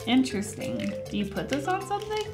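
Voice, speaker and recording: A woman with an American accent, co-hosting a casual snack taste test, giggly and excitable. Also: sits high, brisk, gravelly, music in the background. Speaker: co-host.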